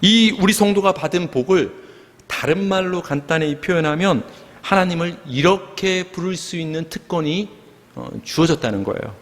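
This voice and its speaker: A man's voice: a little high, moderate pace. A middle-aged man preaching a sermon as pastor of a church, leading the congregation to call out together. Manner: earnest preaching, leads the congregation in calling out together. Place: church sanctuary. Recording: long church hall reverb.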